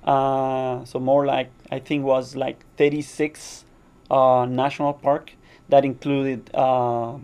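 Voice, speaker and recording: Cuban accent guy, spanish native, creaky mid voice, halting english in an interview. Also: mid-range voice, flat delivery, a little mellow. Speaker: guest shark researcher.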